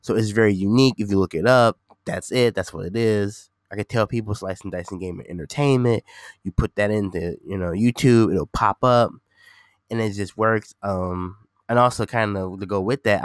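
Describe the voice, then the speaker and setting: A man's voice: fairly low pitch, clean tone, no room sound, clean studio sound. A man hosting a casual solo podcast, rambling informally and repeating himself, sounding nasal and a bit congested from being sick. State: slightly sick with a stuffy nose. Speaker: podcast host and gaming streamer.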